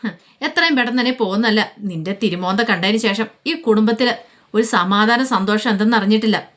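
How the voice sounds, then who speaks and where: A woman's voice: mid-range voice, a little fast, lightly acted. A woman doing a scornful, bossy mother. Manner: sharp, scornful and dismissive. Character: middle-aged mother, harsh, scornful, bossy.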